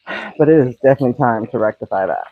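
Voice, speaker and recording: A woman with a husky morning voice chats casually to her viewers while cooking, giving business coaching and calling them y'all. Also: a bass voice, animated, quick pace, phone-quality sound. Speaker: brand coach. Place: home kitchen, cooking.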